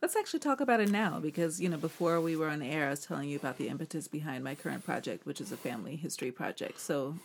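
Woman host with a measured voice. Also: low voice, animated, slight background noise. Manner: clear, measured, curious. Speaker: podcast host. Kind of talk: scripted intro, then interview questions.

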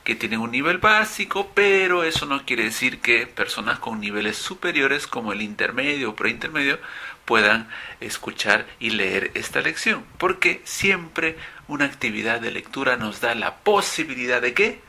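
A man teaching an English vocabulary lesson, stressing key words with sudden rises in pitch. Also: expressive, normal speed, pushed and bright.

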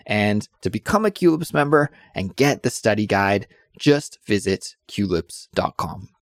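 Low-voiced man hosting a learner podcast. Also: animated, measured pace, no room sound. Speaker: podcast host. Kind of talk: scripted announcement and casual interview.

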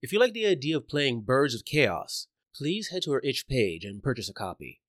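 Lively-voiced male podcast host. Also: medium pitch, moderate pace, no room sound, studio quality. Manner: upbeat, laughs often. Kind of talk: casual chat.

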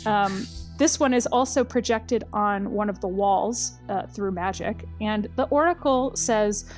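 A woman's voice: medium pitch, unhurried, faint music behind. A woman casually recapping a storyline, wry and chatty, with lots of ums and uhs.

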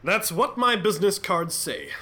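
A man acts out a scatterbrained radio-play detective who puts on airs but panics easily. The voice is bright and lively, with a wide, sing-song swing in pitch. He talks in a theatrical, self-important way. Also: moderate pace, heavily acted. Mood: pompous. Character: cowardly, pompous, scatterbrained male sleuth. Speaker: bumbling detective in a radio-drama parody. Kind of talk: 1940s radio acting.

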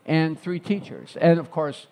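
Middle-aged man, earnest interview guest, repeats his points, voice sits a bit high. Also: unhurried, vocal fry, a little mellow. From Chicago, United States. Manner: earnest, repeats phrases, stump-speech rhythm. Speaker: mayoral candidate guest. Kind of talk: radio talk interview.

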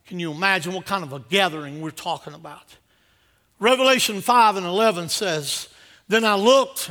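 Preaching to a congregation in a high voice, a man exhorts emphatically, repeating phrases and swinging from quieter asides to loud declarations.

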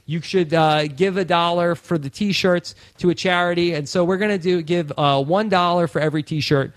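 A podcast host with a high-pitched, steady-toned voice talks at normal speed with no echo. He rambles casually, full of "uh" fillers and restarts, sounding tired and close to losing it.

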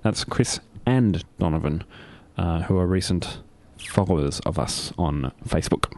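A man's voice: low voice, measured pace, a little mellow. A man hosting a casual tech radio show in a studio, chatty and hesitant with many fillers. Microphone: studio mic.

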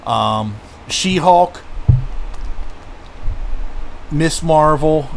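A man hosting a casual podcast chat, talking in an excitable, profane way with plenty of fillers. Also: a little high, drawn-out words, creaky, a little hiss or hum. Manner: excitable, profane fan talk with many fillers. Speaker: podcast host.

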